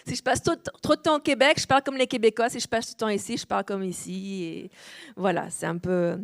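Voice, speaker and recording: A woman pastor in her thirties from France, preaching a sermon with an easy, earnest manner and a light French accent, full of amens and little pauses. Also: medium pitch, fairly even intonation, creaky. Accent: French, slightly shifting. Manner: warm, earnest preaching with frequent "amen" and "euh". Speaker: guest pastor. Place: church hall.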